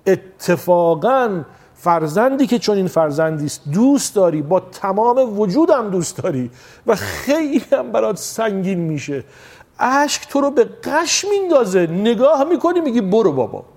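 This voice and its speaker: A man preaching a sermon that turns into a mourning elegy, impassioned, with slow drawn-out chanted passages. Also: big pitch swings, a little mellow. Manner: impassioned, rising to high emotional peaks.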